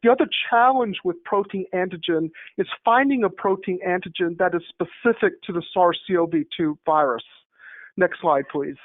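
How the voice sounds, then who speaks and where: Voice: mid-range voice, normal speed. A medical presenter joining a town hall over a group call line, explaining testing step by step in a methodical way. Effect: heard over a group call line. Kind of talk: technical slide presentation. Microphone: remote call connection. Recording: tinny phone-like call audio, dry.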